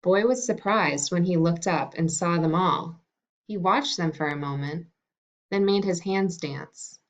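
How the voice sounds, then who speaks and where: Woman teacher reading a picture book aloud. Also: lowish voice. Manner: friendly and unhurried, with some fillers. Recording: dull lo-fi recording.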